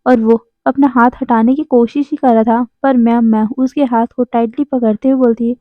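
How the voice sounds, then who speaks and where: A woman's voice: on the high side, fairly even intonation, moderate pace, dry recording. Woman narrating a story, tinny dry sound. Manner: reads all dialogue in her own voice. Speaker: fanfiction narrator. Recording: dry tinny phone-like audio.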